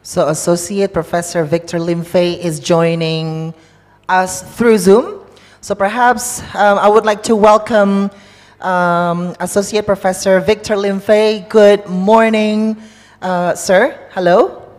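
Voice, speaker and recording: A woman with an Indonesian accent acts as a formal master of ceremonies. Her voice sits at a middle pitch and echoes through a conference hall. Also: steady tone, takes it slowly, a little mellow. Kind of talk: formal event hosting. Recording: reverberant conference hall sound.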